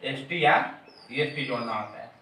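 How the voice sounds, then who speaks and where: A man's voice: medium pitch, normal speed, fairly bright tone, slight background noise. A man teacher explaining a grammar lesson step by step, repeating his key terms. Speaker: English teacher. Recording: very echoey room, mic far off.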